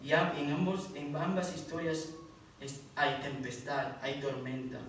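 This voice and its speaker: A man preaching a sermon, reading scripture in loud emphatic bursts and dropping low for quieter asides. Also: flat delivery, a little slow. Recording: echoey hall from far off, faint noise.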